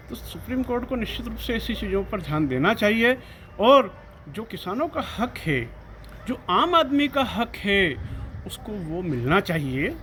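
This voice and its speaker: A man's voice: a little high, a bit bright, a little hiss or hum. A man as a guest in a political discussion, speaking in an emphatic, insistent way.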